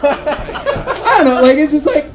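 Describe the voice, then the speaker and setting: A man's voice: very high voice, big pitch swings, slow pace, very noisy. A man in his twenties doing a crude stand-up set in a comedy club, rambling through his jokes with lots of fillers. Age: 20s. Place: comedy club stage with live audience. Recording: audience laughter behind. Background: crowd laughing.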